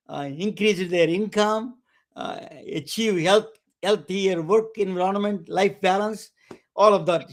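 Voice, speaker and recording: A man hosting a webcast, introducing guests in a halting way with many restarts and fillers. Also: high voice. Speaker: webcast host. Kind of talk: casual interview introduction.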